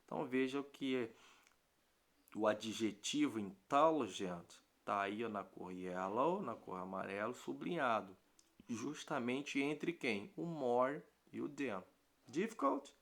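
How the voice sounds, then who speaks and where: A middle-aged Brazilian man teaching an English grammar lesson in Portuguese, patient, repeating points and often checking with a quick question. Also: mid-range voice, lively intonation, a bit bright. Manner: slows down to spell out English terms. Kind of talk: recorded online grammar lesson.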